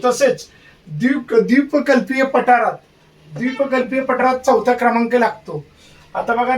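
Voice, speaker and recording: A man's voice: very high-pitched, far from the mic. A man teaching an exam-prep lesson, repeating key points and drilling memory tricks.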